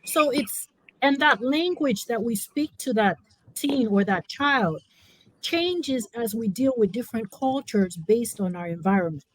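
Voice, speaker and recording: A woman's voice: a little high, lively intonation, a little slow, low-quality recording. A woman from California who was raised in Africa, giving impassioned personal testimony as a panel speaker, emphatic and fond of rhetorical tag questions. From born in California, raised in Africa.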